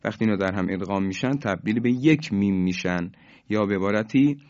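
Low-voiced male radio recitation teacher. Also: a little mellow, no echo, dull audio. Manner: explanatory, slows down to model recited examples.

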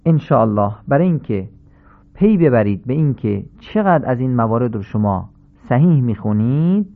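A man teaching correct Quran recitation, slowly chanting short Arabic phrases as examples and explaining the mistakes between them. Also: mid-range voice, sing-song, vocal fry. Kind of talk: radio lesson on recitation. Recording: narrow phone-like band, old radio tape.

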